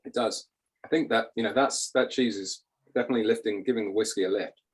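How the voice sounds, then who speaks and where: A man talking through a tasting in a measured, descriptive way, and telling a deadpan tall tale. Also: lowish voice, husky. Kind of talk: casual tasting chat.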